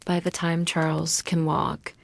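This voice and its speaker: Slow, hushed low-voiced woman telling sleep stories. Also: little pitch movement, gravelly. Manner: soothing, gentle, unhurried with long pauses. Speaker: narrator of bedtime history stories. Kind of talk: soft, hushed sleep-story narration with guided relaxation.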